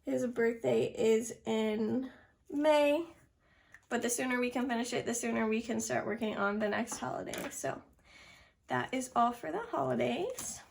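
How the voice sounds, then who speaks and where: A young woman speaks in a fairly high voice with plenty of vocal fry. She is slightly short of breath as she casually talks through what she is doing, counting figures aloud step by step. There is some noise and clicking behind her. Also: a little slow, a little mellow. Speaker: budgeting video host. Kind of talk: casual narration of a hands-on task.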